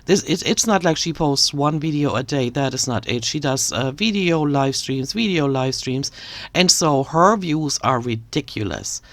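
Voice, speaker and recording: A woman's voice: low voice, expressive, moderate pace. A woman giving critical commentary on another creator, talking in an indignant, ranting way. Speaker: commentary youtuber.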